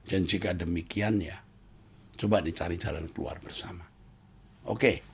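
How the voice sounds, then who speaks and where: Middle-aged man, husky gravelly voice, blunt advice-show host reading letters. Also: low-pitched, fairly even intonation, normal speed, fairly bright tone. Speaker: counselor answering listener letters.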